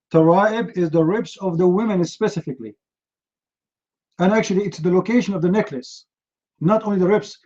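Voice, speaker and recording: A man with a fairly high, darkish voice hosts a heated online debate, combative and mocking as he presses his opponent with repeated demands. Arabic is his first language. The stream audio is dull and lo-fi.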